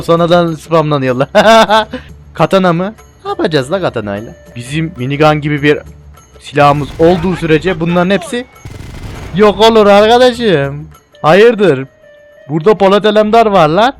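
A young man giving casual, joking let's-play commentary with loud exclamations. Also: fairly high pitch. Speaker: gameplay YouTuber.

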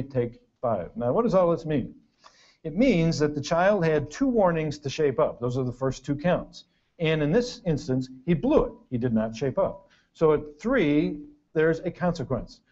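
A man's voice: fairly high pitch, lively intonation, normal speed, a little mellow. An older man giving a humorous parenting lecture to an audience, with a dry storytelling delivery and punchy lists. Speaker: parenting workshop speaker. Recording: dull lo-fi recording of a talk.

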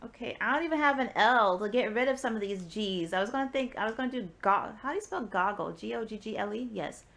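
A woman's voice: a little high, expressive, quick pace, gravelly, hardly any pauses, fairly bright tone. A woman vlogger chatting and joking during a word game at home, teasing and exasperated. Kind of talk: casual chat while playing a word game.

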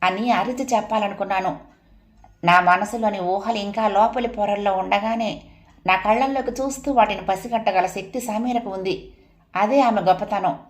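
Woman narrator, audiobook reading, steady and even, mid pitch. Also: normal speed. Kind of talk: storybook narration.

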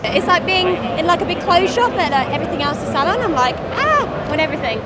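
A young woman talking in an excited, giggly way in a vox pop interview. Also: extremely high pitch, fast, a loud crowd, very noisy.

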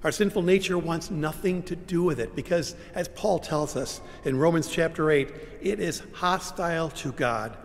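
An older man preaching a sermon from a pulpit, dramatic, moving from loud cries to hushed whispers. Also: a little high, normal speed, few pauses. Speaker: pastor. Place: large church sanctuary, standing at a pulpit. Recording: long church reverb, faint room hum.

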